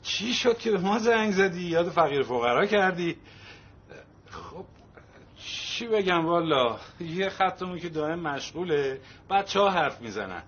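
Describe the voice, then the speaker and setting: A man's voice: high voice, big pitch swings, fairly bright tone, dull audio. An actor playing a harried middle-aged father who is effusively polite and pleading with his family. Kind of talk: comedy film acting.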